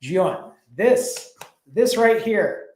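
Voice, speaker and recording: A fasting channel host casually runs a live stream, reading viewer comments aloud and thanking people by name while sounding a little out of breath. His high voice is very animated, with drawn-out words and a slightly mellow quality.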